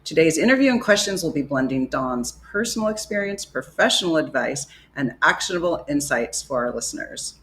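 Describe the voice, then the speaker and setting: A woman's voice: low-pitched, expressive, a little fast, few pauses, fairly bright tone, slight background noise. A woman hosting a podcast interview, gushing and enthusiastic, asking long rambling questions. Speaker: podcast host. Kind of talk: interviewing a guest.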